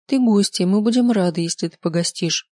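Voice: medium pitch, a little fast, mellow, no room sound, close to an everyday voice. Firm, commanding mother and hostess for an audiobook, voiced by the reader, dry mic. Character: commanding middle-aged woman, a mother and hostess. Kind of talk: audiobook character voice.

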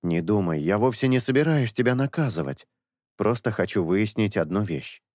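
A man playing a patient young priest, coaxing a pet to own up in a calm, reasoning tone. The voice sits low but moves a lot in pitch, and it sounds close and dry. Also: moderate pace, no room sound, lightly acted. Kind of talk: audiobook character dialogue.

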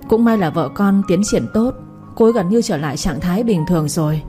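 A woman voicing a devoted grown son who pleads gently with his mother, over faint music. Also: fairly low pitch, lively intonation, a little fast, lightly acted. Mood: pleading. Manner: pleading, soft-spoken.

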